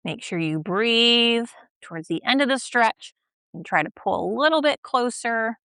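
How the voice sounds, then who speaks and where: A young woman guiding a stretching routine, gentle and patient, often checking in with the listener and a little out of breath as she stretches along. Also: fairly high pitch, animated, a little slow, smooth, no room sound. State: slightly out of breath while stretching. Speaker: stretching instructor. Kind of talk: guided exercise instruction.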